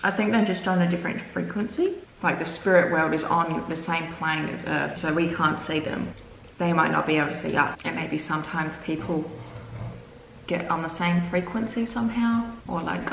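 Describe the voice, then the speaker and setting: A woman's voice: fairly low pitch, steady tone, normal speed, vocal fry. A young adult woman chatting informally and telling personal anecdotes in a hesitant, filler-heavy way. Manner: informal, hesitant, uses "like" heavily. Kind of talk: casual chat, personal anecdote. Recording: echoey room with faint noise.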